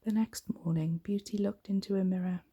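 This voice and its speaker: With a medium-pitched, steady voice, a woman softly reads a bedtime story. Her ASMR delivery is breathy, gentle and slow, often hovering near a whisper.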